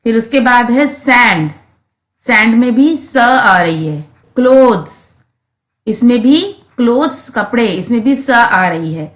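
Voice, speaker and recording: A woman's voice: fairly high pitch, animated, unhurried, fairly bright tone. A woman teacher with an Indian accent reads English textbook lines aloud for children and then explains each one plainly. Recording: echoey room.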